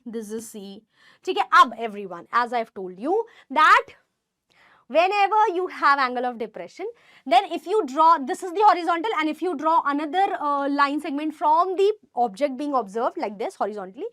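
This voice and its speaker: A woman's voice: high voice, bright, forceful tone, no room sound, clean studio sound. A woman with a North Indian accent teaching step by step as a maths teacher, emphatic, often checking with her pupils and slipping Hindi phrases into her English. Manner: emphatic, addressing pupils with frequent check questions. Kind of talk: online lesson, explaining step by step.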